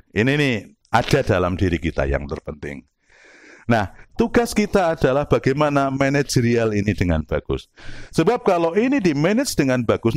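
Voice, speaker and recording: A middle-aged man giving a lively religious philosophy lesson, explaining with rhetorical questions and examples and slipping in Arabic and words. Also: medium pitch, no echo, clean studio sound. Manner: mixes in Arabic and Javanese words. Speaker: Islamic philosophy teacher. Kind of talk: lively religious study lecture.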